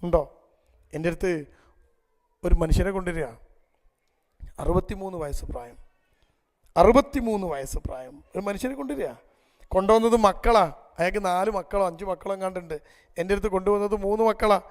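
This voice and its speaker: A man speaks to a gathered audience in a high, smooth, resonant voice. He tells stories and turns to the crowd with rhetorical questions. His voice carries a long reverb from a large hall. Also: quick pace, long pauses. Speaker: public speaker. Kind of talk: storytelling family talk to an audience. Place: event hall before a live audience.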